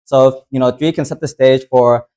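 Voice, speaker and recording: A man who grew up in the United States leads a workshop in a relaxed, talky way. He strings his thoughts together with plenty of "you know" and "uh." His voice sits at an ordinary middle pitch. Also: brisk. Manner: conversational, loose, many fillers. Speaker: workshop host. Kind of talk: casual workshop talk.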